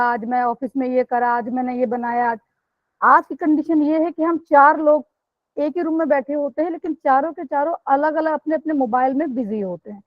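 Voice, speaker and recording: A woman with a high voice speaks as a police sub-inspector in an online webinar. She explains earnestly and turns to her listeners directly. The sound is dull, like a lo-fi call, and dry, with no room echo. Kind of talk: webinar talk. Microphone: video call microphone.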